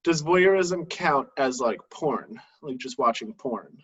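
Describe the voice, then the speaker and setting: A man in his thirties co-hosts a casual podcast, trading playful asides. His voice has an ordinary pitch for a man, and the recording sounds slightly dull and lo-fi. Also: lively intonation, slow pace, fairly bright tone, breathy edge. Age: 30s. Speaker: podcast co-host. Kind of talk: casual chat.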